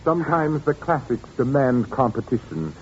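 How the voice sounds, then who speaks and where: An actor playing a murderous male organist in an old radio drama, speaking in a soft, coldly courteous way. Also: medium pitch, very animated, normal speed, lightly acted. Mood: sinister, silky. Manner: soft, silky and sinister, then panicked pleading. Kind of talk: 1940s radio acting. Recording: dull old radio recording with faint hiss.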